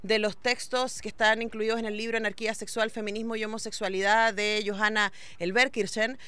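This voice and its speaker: Bright, crisp woman radio host. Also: medium pitch, flat delivery, a little fast, no room sound. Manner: thoughtful, winding questions. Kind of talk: radio interview.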